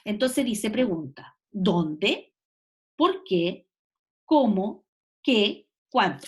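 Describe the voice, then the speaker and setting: Woman teacher lecturing online. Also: fairly high pitch. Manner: explanatory, checks understanding with "¿cierto?" and "¿ya?".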